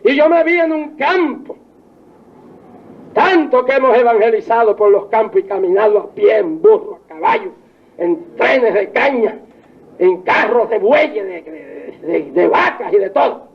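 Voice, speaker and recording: A man's voice: sits high, expressive, gravelly, husky. An older man preaching a fervent old-time revival sermon, stretching his phrases and crying out hallelujahs. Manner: fervent, shouts hallelujahs, drawn-out emphatic phrasing. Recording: dull lo-fi archive tape with faint congregation.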